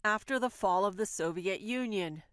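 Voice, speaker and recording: A woman's voice: medium pitch, normal speed, a bit bright. A woman with an American accent narrating a scripted news report as a correspondent.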